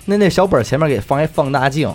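A man's voice: a little high, lively intonation, rapid-fire, soft background music. A man with a Beijing accent telling stories casually and comically, slangy and teasing, often asking rhetorical questions. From Beijing, China. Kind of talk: casual comic storytelling among friends.

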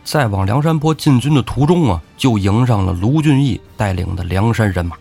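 A man telling a classic tale as the show's host, with lively, jokey asides to the listener. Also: on the low side, fairly quick, vocal fry, breathy edge, soft background music. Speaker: storyteller host. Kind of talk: humorous storytelling of a classic novel.

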